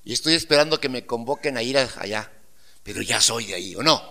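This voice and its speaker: A man preaching a sermon as pastor, swinging from loud emphatic declarations to quiet asides and putting rhetorical questions to the congregation. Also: mid-range voice, lively intonation, fast talker, gravelly.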